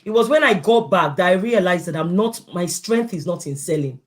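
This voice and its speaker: A woman's voice: on the low side, expressive, a little fast. A woman guest in a casual interview, telling her story and acting out the people she quotes.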